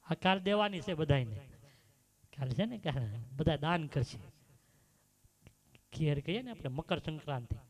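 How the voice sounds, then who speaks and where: A man's voice: fairly high pitch, moderate pace, long pauses. A man giving a devotional talk, telling stories and asking the audience rhetorical questions. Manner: lively storytelling with rhetorical questions. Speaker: bhajan singer and storyteller. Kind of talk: devotional sermon with anecdote.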